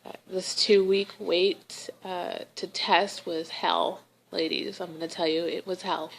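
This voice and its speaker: A young woman in a personal video diary, speaking in a halting, emotional way with many pauses. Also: fairly low pitch, fairly even intonation, vocal fry, a little hiss or hum, low-quality recording. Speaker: vlogger.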